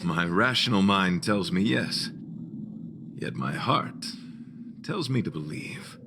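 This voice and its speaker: Argenti, a solemn noble knight. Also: male voice, sits low, animated, slow, noisy background, full character voice. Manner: formal, solemn and flowery. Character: chivalrous young male knight devoted to beauty, earnest. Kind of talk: video game character dialogue.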